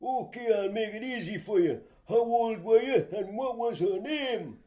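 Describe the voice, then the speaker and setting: A man's voice: sits high, measured pace, dark tone. A man playing a cheeky man who teases his friend and tells a joking story about his first kiss.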